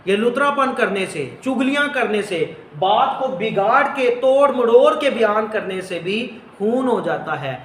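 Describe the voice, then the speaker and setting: A man teaching a Bible lesson, slowly repeating phrases so his students can write them down. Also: sits high, expressive, slight background noise. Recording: echoey room.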